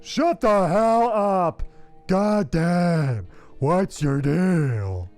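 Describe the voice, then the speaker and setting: A man's voice: mid-range voice, animated, slow, dark tone, dry recording, soft background music. A man voicing an irritable young woman who grudgingly takes in a roommate, in fan voice acting of a game script. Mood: exasperated. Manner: snappish, exasperated.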